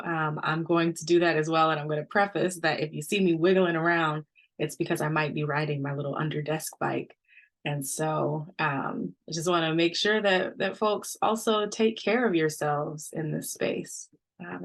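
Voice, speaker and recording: A woman's voice: sits low, vocal fry. A woman co-facilitating an online session, chatty and casual over a video call. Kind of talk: online webinar talk.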